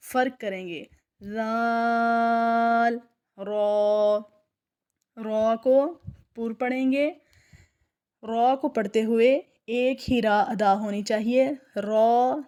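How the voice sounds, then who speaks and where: A woman teaching a recitation lesson, patiently explaining each letter and drawing its sound out slowly. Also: a little high, a little mellow. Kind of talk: tajweed lesson, slow letter drills.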